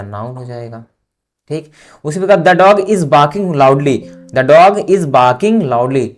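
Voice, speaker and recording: Chatty Hindi-speaking grammar teacher. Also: male voice, medium pitch, darkish tone. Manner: keeps asking "samajh mein aaya?", drawn-out spelling and dictation. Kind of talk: informal classroom lesson.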